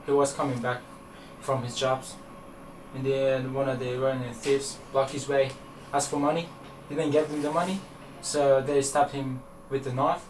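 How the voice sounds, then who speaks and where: A man's voice: medium pitch, level tone, distant mic, a little hiss or hum. Hesitant young man, echoey room. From Afghanistan. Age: young adult. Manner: hesitant, halting with fillers. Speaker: interviewee. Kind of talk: interview answers. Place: small indoor room.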